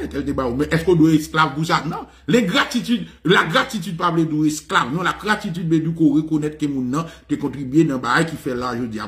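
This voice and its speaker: A man with a Haitian accent giving an animated, ranting commentary, switching between languages, swearing and laughing. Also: fairly high pitch. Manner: ranting, mixing Creole, French and English, with profanity and laughs.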